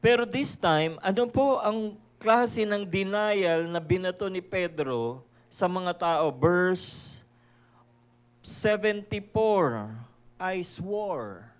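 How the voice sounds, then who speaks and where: Slow-speaking Filipino man preaching. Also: high-pitched, expressive, clear, resonant tone. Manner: conversational preaching, mixing Tagalog and English; reads scripture verses slowly and deliberately. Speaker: pastor. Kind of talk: sermon.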